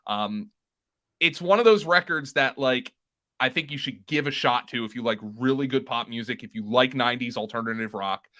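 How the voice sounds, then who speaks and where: A man's voice: mid-range voice, moderate pace, fairly bright tone. A man co-hosting a podcast, chatting enthusiastically and rambling a little, with fillers and restarts. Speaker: podcast co-host. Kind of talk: casual chat.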